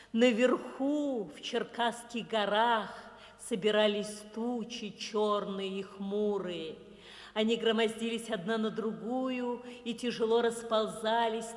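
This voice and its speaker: A woman voicing a slow, solemn river in an old radio play. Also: mid-range voice, big-room sound, lightly acted. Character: river speaking, calm and proud.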